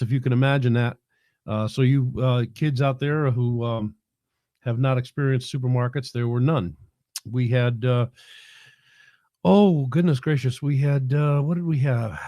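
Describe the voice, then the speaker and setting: Mellow-voiced New man chatting live. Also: medium pitch, measured pace, no room sound, clean studio sound. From New York. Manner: rambling, folksy, many fillers. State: tail end of a head cold. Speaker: host of a live broadcast. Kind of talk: casual livestream talk. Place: his home in the South.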